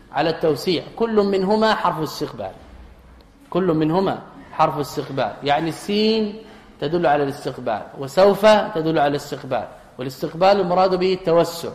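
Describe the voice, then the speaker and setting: A man's voice: on the high side, a little mellow. Lecturing man in an echoey hall. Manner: rhetorical questions answered himself, repeats key phrases. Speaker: teacher of Arabic grammar. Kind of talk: classroom lecture. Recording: echoey hall with long reverb.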